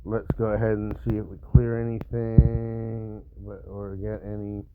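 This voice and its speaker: A man's voice: on the low side, little pitch movement, a little slow, narrow, tinny audio, noisy background. A man giving casual, blunt, instructive commentary over his own gameplay as he walks through tactics. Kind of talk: casual mobile game walkthrough commentary.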